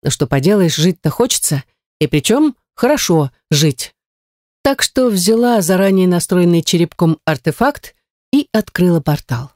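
A woman narrating a first-person story in a lively, wry way. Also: on the low side, normal speed, no echo, studio quality. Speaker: audiobook narrator.

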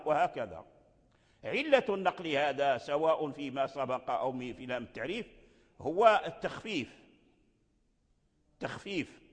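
A man's voice: fairly high pitch, husky. A man teaching Quran recitation in a lesson, repeating each word several times as he explains. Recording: long hall reverb.

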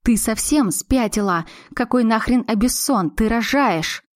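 A woman's voice: a little high, expressive, unhurried, dry recording, clean studio sound. A woman voicing an anxious, blunt young man whose fiancée is about to give birth. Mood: fretful. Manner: fretful, blunt and insistent.

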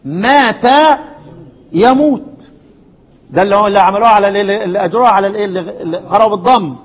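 A man with an Egyptian accent teaching a recitation class, often asking his students a question and then answering it himself. His voice sits high and sounds a little husky. He now and then slips into slow chanted verses, all carried by a long hall echo. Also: highs cut off. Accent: Egyptian Arabic. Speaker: sheikh teaching Quran recitation. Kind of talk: classroom lesson.

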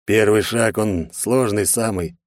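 Guy doing a calm wise big dude, slow and solemn, talks all backwards. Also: fairly low pitch, no echo, studio quality, lightly acted. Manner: slow, solemn, inverted sentences. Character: calm wise large man Stenar, Yoda-like speech.

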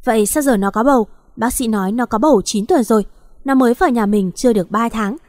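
Lady reading as mean bossy older sister, sharp and scolding, kinda high. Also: quick pace, no echo, natural voice. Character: harsh impatient older sister, adult woman.

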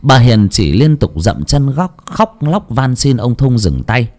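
A man narrating a ghost story audiobook in a dramatic, expressive way. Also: medium pitch, measured pace.

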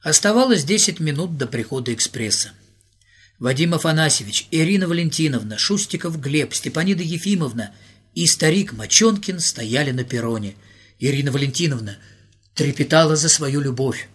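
A man reading an audiobook aloud with ironic, theatrical narration and a husky voice. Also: a little high, expressive, normal speed. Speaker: audiobook reader.

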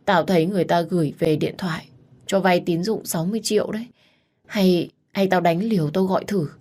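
A woman's voice: fairly low pitch, steady tone, fairly quick, a little mellow, lightly acted. Woman reading as a worried young woman begging for help, storybook. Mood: desperate. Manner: pleading and hesitant. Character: anxious young woman in debt.

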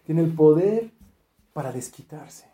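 A man preaching a sermon, retelling a Bible story in a lively way and acting out the quoted speech, with frequent fillers and restarts. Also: on the high side, a little slow, reverberant.

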